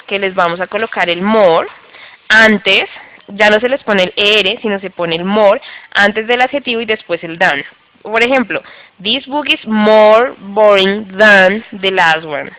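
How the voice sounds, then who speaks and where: A woman teaching an English grammar lesson online, speaking at a middle pitch through a computer mic. She explains rules patiently, repeating each one and often checking that the class follows. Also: fairly bright tone, low-quality recording. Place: online class by video call.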